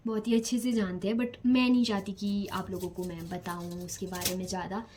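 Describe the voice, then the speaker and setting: A woman's voice: mid-range voice, little pitch movement, fairly quick, a little hiss or hum. Chatty young woman telling a story. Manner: chatty, rambling, repeats words, drifts between soft and loud. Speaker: vlogger. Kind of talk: casual emotional storytelling.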